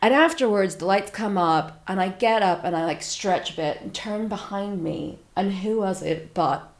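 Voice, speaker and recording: An American woman in her thirties, a startup founder from Silicon Valley, California, speaks at medium pitch and normal speed. Chatting as a guest in a casual interview, she tells stories animatedly, acts out her own reactions and uses many fillers.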